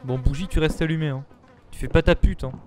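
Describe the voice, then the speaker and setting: Male streamer, thirties, excitable and sweary, lively higher voice, game noise behind him. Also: a little fast. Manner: jumpy, excitable, swears freely. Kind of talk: casual live horror game commentary. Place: indoor streaming room.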